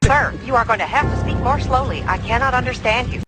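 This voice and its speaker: Cartoon 911 operator, formal and measured, very high voice. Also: male voice, over music. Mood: firm. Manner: slow, formal. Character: patient emergency operator.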